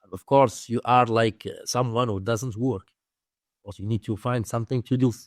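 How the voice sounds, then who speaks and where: A guest who teaches domain investing speaks with a Moroccan accent in a conversational, story-driven interview, his non-native English halting and repetitive. His voice is medium-pitched, fairly even and darkish, recorded dry without echo.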